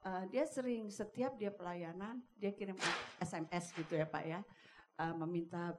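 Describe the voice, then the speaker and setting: A woman's voice: lowish voice, moderate pace, very noisy. A woman from the congregation politely and hesitantly telling an experience and asking the pastor a question. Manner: polite, hesitant, many fillers. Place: church hall.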